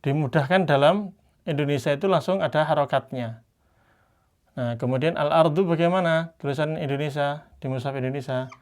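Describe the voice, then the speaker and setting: A man teaching Quran reading in a class, patiently explaining and slowly modelling each Arabic word. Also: on the high side. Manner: patient, slows down to model Arabic words drawn out; explains by pointing at written examples.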